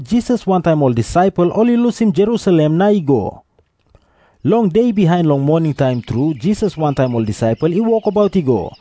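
A man's voice: on the high side, dark tone, no echo, studio quality. A man with a Papua New Guinean accent narrating scripture as a scripted story.

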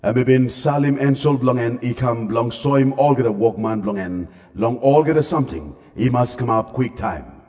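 A man with a Papua New Guinean accent playing a solemn, humble angel messenger in a dramatized scripture reading, speaking in a measured way. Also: mid-range voice, a little mellow, natural voice. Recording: long hall reverb. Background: faint music.

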